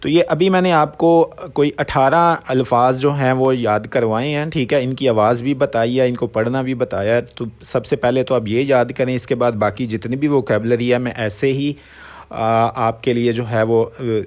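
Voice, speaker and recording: A man explains a vocabulary lesson step by step. He asks his listeners a question and answers it himself. He sounds out each word slowly and says it twice. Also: mid-range voice, steady tone. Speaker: language teacher.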